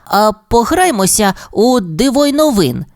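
A woman's voice: fairly high pitch, very animated, measured pace, darkish tone, no room sound, clean studio sound, voice pushed up. A woman voicing a cheerful, proud young boy bunny in a children's audio storybook, bouncy and exclaiming.

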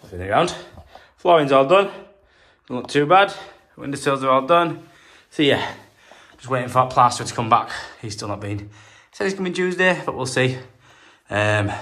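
A British man who works as a plumber chats to camera in a relaxed work vlog, wrapping up a bathroom renovation indoors and slightly breathless. His medium-pitched voice is bright and forceful as he rambles and makes fun of himself.

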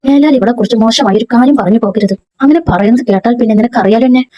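A woman's voice: a little high, fast talker, no room sound, dull audio, lightly acted. A woman reading the lines of a curt, dismissive young man in a storybook. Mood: angry.

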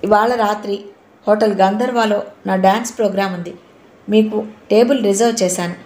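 A woman's voice: mid-range voice, fairly even intonation, brisk, a little mellow, natural voice. Breezy young male dancer, talkative and playful, read by a woman narrator; roomy audio. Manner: chatty, mixes English phrases. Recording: roomy echo.

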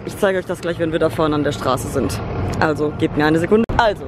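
A woman vlogging with a handheld camera, excitable and slangy in a playful, casual chat. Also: low voice, a little fast, over music. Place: outdoors on a busy city street, then a restaurant. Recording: loud street traffic and crowd noise.

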